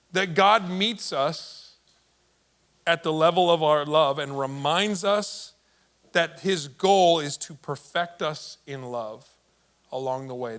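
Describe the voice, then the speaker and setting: A man's voice: on the high side, a bit bright. A male pastor preaching a sermon in a conversational way, with casual asides and repeated words. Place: church service.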